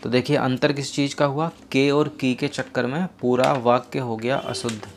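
A young man teaching an exam-prep grammar lesson, reading example sentences slowly and dropping in joking asides. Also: medium pitch, steady tone, slight background noise.

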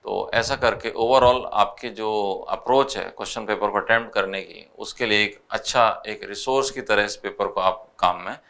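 Indian man, biology teacher walking through test solutions, bright crisp voice, Hindi-English mix. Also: lowish voice. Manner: mixes Hindi with English, reads questions slowly.

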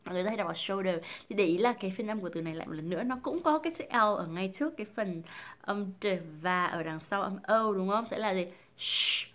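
A woman from Vietnam teaching English pronunciation, explaining patiently and drilling single sounds and words slowly and clearly. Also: mid-range voice, animated, fairly bright tone. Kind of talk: pronunciation lesson.

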